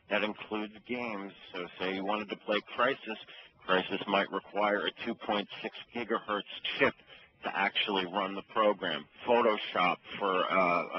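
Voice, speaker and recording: A man explaining things over the phone like a store employee, in a matter-of-fact, instructive way. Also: fairly low pitch. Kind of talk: explanatory customer-service phone talk. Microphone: telephone. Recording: muffled, faintly noisy phone line.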